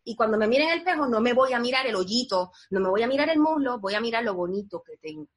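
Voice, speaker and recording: A woman's voice: fairly high pitch, expressive, quick pace, husky. A woman guest in a conversational interview, talking earnestly and reflectively, explaining things step by step.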